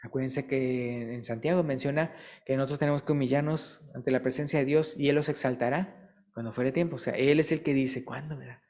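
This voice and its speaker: A male preacher giving a relaxed, conversational sermon, asking the congregation questions and telling light jokes. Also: mid-range voice, brisk. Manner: chatty, asks listeners questions and tells jokes.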